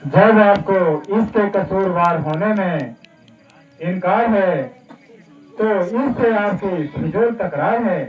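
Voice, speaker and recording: A man's voice: high voice, slow, faint music behind. A man playing a courteous, steadfast prince in a Ramleela folk stage drama, speaking in a formal, conciliatory manner. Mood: calm, firm. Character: courteous, steadfast prince pacifying an angry sage. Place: stage of a Ramleela club, distant mic. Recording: echoey, muffled, distant stage sound.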